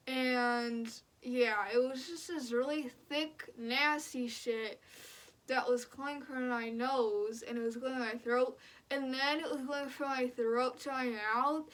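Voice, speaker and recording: A young woman vlogging casually about her own experience, talking in a blunt, slangy way peppered with "like". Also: high voice. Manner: blunt, slangy, frequent "like" filler. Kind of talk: casual personal vlog recounting.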